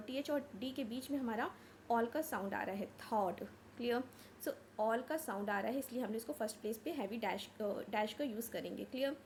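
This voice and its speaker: A woman teaching a shorthand lesson online, explaining each word's outline step by step, mixing in English terms and checking in with a repeated "clear?". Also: a little high, darkish tone, slight background noise. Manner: mixes English words into her Hindi.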